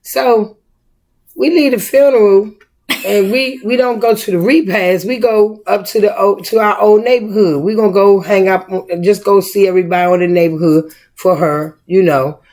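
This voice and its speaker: A woman's voice: medium pitch, normal speed, a little mellow. A middle-aged woman, a mother co-hosting a casual family chat, talking emphatically and asking rhetorical questions like a preacher. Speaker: mother and co-host.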